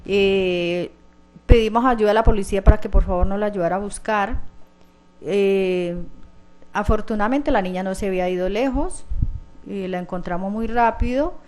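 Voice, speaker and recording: A woman's voice: mid-range voice, moderate pace, a little mellow. A woman giving courtroom testimony as a witness, hesitant with many fillers and retelling scenes through quoted dialogue.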